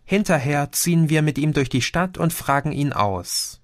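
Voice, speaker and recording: Guy reading an audiobook, doing a cheeky young woman, voice pushed higher, dry close mic. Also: moderate pace, no room sound, lightly acted. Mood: bright. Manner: lively, often ends with a questioning "oder?".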